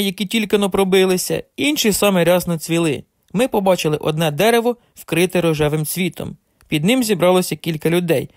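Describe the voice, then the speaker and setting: A man's voice: sits high, no room sound, studio quality. A man narrating a children's novel as an audiobook, telling it expressively. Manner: expressive storytelling.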